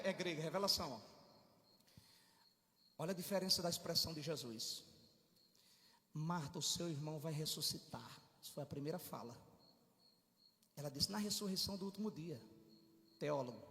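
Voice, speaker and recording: A male pastor preaching a sermon with dramatic swings from hushed tones to shouts, backed by music. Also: fairly high pitch. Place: church. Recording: reverberant hall with music behind.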